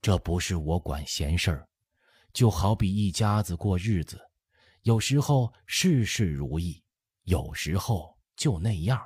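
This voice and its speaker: A man voicing an eighty-year-old empress dowager who gently lectures her son in an audiobook. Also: low voice, lively intonation, husky, dry recording, studio quality, full character voice. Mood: motherly. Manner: soothing, lecturing, drawn-out chatty. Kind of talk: audiobook character voice.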